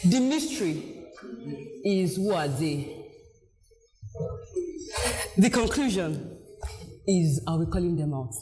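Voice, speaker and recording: A woman's voice: fairly low pitch, animated, takes it slowly, long pauses, poor audio. A woman co-hosting a stage show, solemn and drawing out the suspense. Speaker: show co-host. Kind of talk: stage presenting. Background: faint music.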